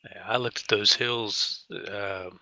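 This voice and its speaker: Sharp, bright low-pitched man. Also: steady tone, slow pace, no echo. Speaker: player. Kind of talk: casual tactical terrain talk in a game.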